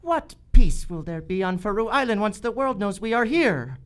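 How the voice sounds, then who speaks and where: Recorded live on stage with faint music, a woman acting in radio theater plays a solemn, menacing jungle priest in a melodramatic adventure. Her medium-pitched, lightly acted voice swings widely in pitch at normal speed, and she uses formal, grandiose phrases, referring to herself in the third person.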